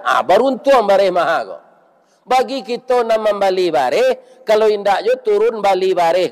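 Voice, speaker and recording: A middle-aged man with a Minangkabau accent delivers a sermon in a fairly high voice. He is lively and joking, and he keeps asking his listeners to agree with him.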